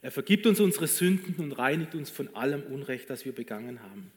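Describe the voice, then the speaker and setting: A man preaching a sermon and praying aloud, earnest, moving between emphatic lines and hushed ones. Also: mid-range voice, lively intonation, fairly quick. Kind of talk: sermon with spoken prayer. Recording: long reverb of a large hall.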